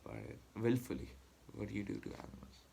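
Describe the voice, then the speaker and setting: Low gravelly man in a heated rant. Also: big pitch swings, background noise. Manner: heated, profane, halting with restarts. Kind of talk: angry personal rant to camera.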